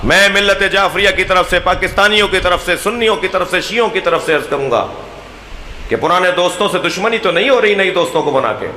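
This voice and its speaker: A man with a Pakistani Urdu accent, preaching an impassioned sermon to a gathering, swinging between loud declamation and low, earnest speech. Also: lively intonation, slight background noise. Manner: oratorical, rising to loud declamation then dropping low. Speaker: Shia cleric addressing a majlis. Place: large imambargah hall. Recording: echoey hall with long reverb.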